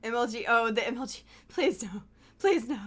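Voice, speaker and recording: A woman from Texas, chatting casually on a game stream, excitable, laughing often and swearing freely. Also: fairly high pitch, normal speed. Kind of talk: casual live-stream chat.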